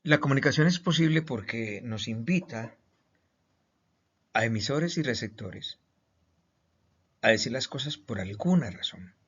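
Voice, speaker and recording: A man's voice: medium pitch, animated, a little slow, pauses often, fairly bright tone, breathy edge. A man from Colombia teaching a recorded online lesson, stressing each point with questions and repeated words. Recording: slightly muffled lo-fi audio.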